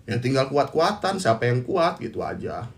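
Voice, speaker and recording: A man's voice: mid-range voice, very animated, moderate pace, gravelly. Blunt man giving a motivational talk. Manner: blunt, repetitive, teasing slang. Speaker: host giving talks on anxiety. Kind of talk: motivational monologue.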